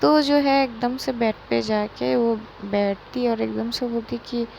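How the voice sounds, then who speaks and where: A young woman narrating a love story in a relaxed, chatty way, full of fillers. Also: fairly high pitch, a little slow, vocal fry, a little hiss or hum, low-quality recording.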